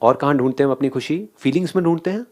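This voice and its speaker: A man's voice: mid-range voice, very fast, dark tone. A man giving a motivational talk, asking the audience questions and mixing English phrases into his speech. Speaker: motivational speaker.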